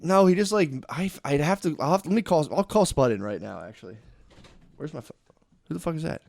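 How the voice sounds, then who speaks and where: A man hosting a podcast in casual chat, talking in halting, restarting phrases. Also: fairly high pitch, expressive, creaky, a little mellow, no room sound. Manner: rambling, halting, with frequent restarts. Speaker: podcast host.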